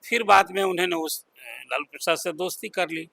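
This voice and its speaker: A man giving political analysis as a senior journalist on a panel, explaining slowly with pauses. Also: high-pitched, animated, creaky, pushed and bright, dry recording. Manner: deliberate, explanatory, with pauses and fillers.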